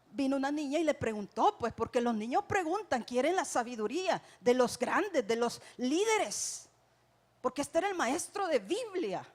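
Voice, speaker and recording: Salvadoran woman preaching, pretty high voice, emphatic, keeps saying brother to the congregation. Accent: Salvadoran Spanish. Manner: emphatic, keeps calling listeners "hermano". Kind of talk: sermon.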